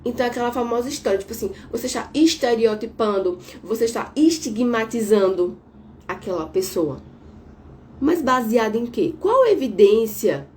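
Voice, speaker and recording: A woman therapist from Brazil giving a live talk from home, speaking a bit louder on purpose and checking in with listeners. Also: on the high side, lively intonation, moderate pace, slight background noise. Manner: speaking a little louder on purpose, didactic, tag questions. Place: at home, window shut, air conditioning on.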